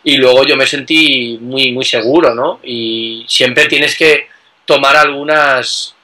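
Bright-voiced man chatting easily. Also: medium pitch, slow pace, poor audio. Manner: relaxed, many fillers and tag questions. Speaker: guest travel blogger. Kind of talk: casual conversation.

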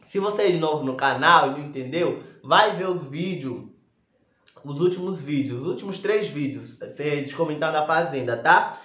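Man, animated campy gossip vlogger, somewhat high voice, echoey dull-sounding room. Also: moderate pace. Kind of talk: excited reality-show recap.

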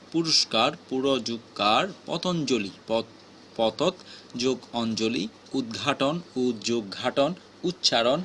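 A man teaching grammar from a list, reading each word and its parts slowly and steadily. His voice sits at an ordinary middle pitch. A faint background hiss runs under the recording. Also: sharp tone. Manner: slow, measured drilling of word pairs.

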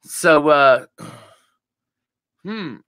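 A man's voice: on the high side, animated, extremely slow, a bit bright, clear, resonant tone, no echo. A young man with a groggy morning voice, chatting casually to his live-stream viewers in a laid-back, rambling way with plenty of swearing. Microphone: desk mic.

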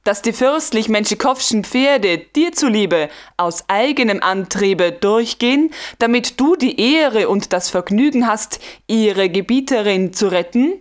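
A woman reading the lines of a smug, carefree young male guard lieutenant in an audiobook, calm and teasing. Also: high voice, measured pace, few pauses. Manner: calm, self-satisfied, teasing. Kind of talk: audiobook dialogue.

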